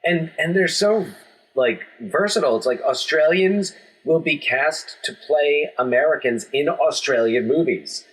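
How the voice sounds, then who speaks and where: A man's voice: a little high, measured pace, fairly bright tone, breathy edge, low-quality recording. A man co-hosting a podcast, talking in a rambling, joking way with many restarts and fillers. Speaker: podcast co-host. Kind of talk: casual chat.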